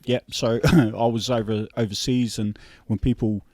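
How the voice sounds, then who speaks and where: A man's voice: fairly low pitch, fairly even intonation, normal speed, darkish tone, no room sound, clean studio sound. A middle-aged man with a broad Kiwi accent chatting casually and in a laid-back, blokey way as a podcast co-host. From New Zealand. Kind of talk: casual chat.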